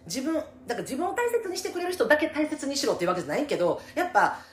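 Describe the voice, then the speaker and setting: A woman's voice: sits high, very animated, racing. A woman with a Kansai accent chatting casually as a co-host giving advice, empathetic and emphatic, often chiming in with agreement. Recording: echoey room with faint background noise.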